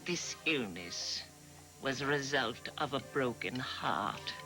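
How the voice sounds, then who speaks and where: An actress playing a scheming countess in a daytime soap opera, speaking in a theatrical manner. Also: female voice, extremely low pitch, expressive, takes it slowly, music in the background, heavily acted, rough recording.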